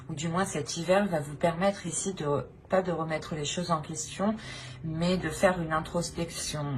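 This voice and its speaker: Her voice sits low, and a little hiss or hum runs underneath. As host and tarot reader, she gives viewers an unscripted reading, hesitating, searching for words, and repeating or rephrasing herself.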